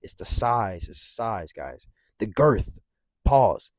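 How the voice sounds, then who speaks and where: A man hosting a casual fight-prediction rant, rambling and swearing freely, with big jumps in loudness. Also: on the low side, sing-song, slow, no room sound, clean studio sound. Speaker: MMA commentary channel host.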